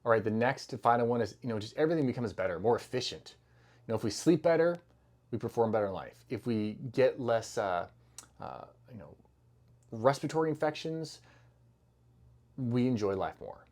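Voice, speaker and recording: In a casual educational talk to camera, a middle-aged man explains health habits in a relaxed, chatty way at a fairly quick clip and an ordinary pitch. He meanders through his points with many fillers, restarts and self-corrections, sounding like a clinician speaking one-on-one with a patient.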